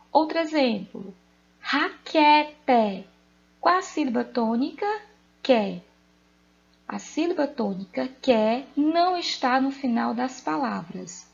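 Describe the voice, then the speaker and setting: A Brazilian woman teacher with a somewhat high, gravelly voice leads a children's lesson at a very slow, deliberate pace. She stresses each rule and quizzes her pupils as she goes. The recording is dull and lo-fi. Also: a little mellow. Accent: Brazilian Portuguese. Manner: slow, emphatic, repeats rules and asks questions to the pupils.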